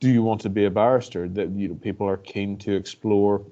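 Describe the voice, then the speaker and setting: A Northern Irish barrister, appearing as a guest speaker, gives a personal talk online in a lowish, dark-toned voice with fairly even intonation. He's reflective and hesitant, speaking in a level, measured way and often restarting thoughts amid fillers. The audio is dull and lo-fi, like a video call.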